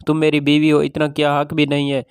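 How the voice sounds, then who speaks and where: A defensive, protective young husband, read out by a male narrator. The lines come plainly and evenly, in a smooth, slightly high voice with little melody. The sound is close and dry. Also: completely flat delivery, no room sound, close to an everyday voice.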